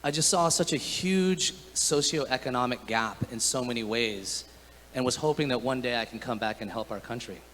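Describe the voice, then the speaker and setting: A man's voice: medium pitch, moderate pace, fairly bright tone, a little hiss or hum. A man startup founder who grew up in the United States, speaking sincerely on a panel. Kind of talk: panel talk. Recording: reverberant hall with faint ambience.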